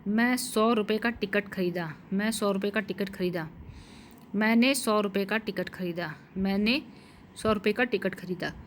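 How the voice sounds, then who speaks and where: A woman teaching Hindi spelling and grammar, slowly repeating each word and correct sentence and spelling out the vowel marks. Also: mid-range voice, slight background noise. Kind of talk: slow dictation-style lesson.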